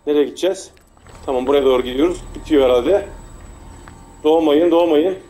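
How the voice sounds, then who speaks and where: A man casually commenting on his own gameplay, muttering to himself and getting frantic and loud when chased. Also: mid-range voice, quick pace. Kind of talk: casual let's play commentary.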